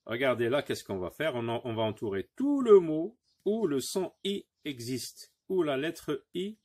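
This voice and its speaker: A man's voice: mid-range voice, very animated, darkish tone. A man teaching a phonics lesson to young pupils, patiently sounding out words syllable by syllable and encouraging the class. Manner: repeats words slowly, syllable by syllable.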